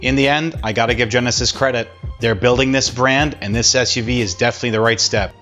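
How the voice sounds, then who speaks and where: A man's voice: medium pitch, steady tone, quick pace, a bit bright, soft background music. A man giving casual, sarcastic commentary as a vlogger, wisecracking about car commercials.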